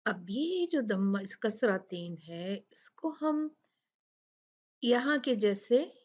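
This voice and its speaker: A woman teaching recitation rules in a patient way. She repeats words slowly and explains each rule with examples. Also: a little high, sing-song, darkish tone, lo-fi sound. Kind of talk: tajweed lesson with recited examples.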